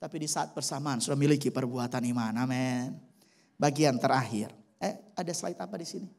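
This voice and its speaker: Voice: mid-range voice, a little fast, creaky, darkish tone. A pastor preaching a sermon and telling a story with animation, often addressing the congregation directly. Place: church service.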